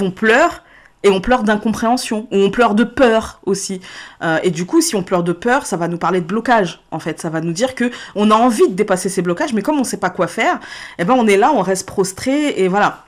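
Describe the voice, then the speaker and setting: A woman's voice: medium pitch, fairly quick. A woman chatting frankly to camera as a card-reading vlogger, with plenty of fillers and frequent laughs, filmed indoors under spotlights. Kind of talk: casual chat to camera. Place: indoor set lit by several spotlights.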